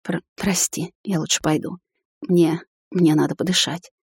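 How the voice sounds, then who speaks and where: A woman's voice: on the low side, expressive, fairly quick, darkish tone, slightly rough, no room sound, clean studio sound. A woman voicing a young witch heroine in an audiobook, emotional and defiant. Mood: flustered. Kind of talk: audiobook character voice.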